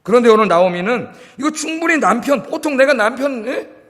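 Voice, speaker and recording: A man's voice: very high-pitched, lively intonation, brisk, fairly bright tone. A male pastor preaching a sermon. He asks the congregation questions, answers them himself, and lets his voice fall almost to a whisper at the ends of phrases. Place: church sanctuary. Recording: long church reverb.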